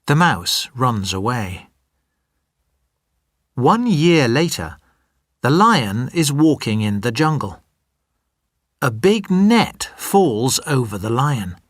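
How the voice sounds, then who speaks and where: A man narrating a children's storybook in a slow, clearly paced reading. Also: mid-range voice, very animated, no echo. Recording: dry studio audio.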